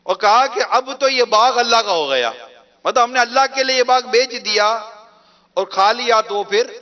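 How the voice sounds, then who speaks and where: A man's voice: extremely high pitch, lively intonation, sharp tone. A man with a Pakistani Urdu accent giving a sermon, retelling a story and acting out its dialogue with rising emphasis. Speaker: preacher.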